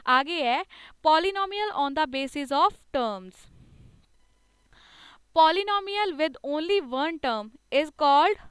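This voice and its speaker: A woman gives a patient, step-by-step maths lecture, slowing down to read each term aloud and checking in with her students. Her voice sits high, and the recording is close and dry with no room sound. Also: no echo. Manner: patient, step-by-step explaining, slows to read terms aloud, often adds a checking "okay". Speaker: maths tutor. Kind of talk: classroom lecture explaining maths.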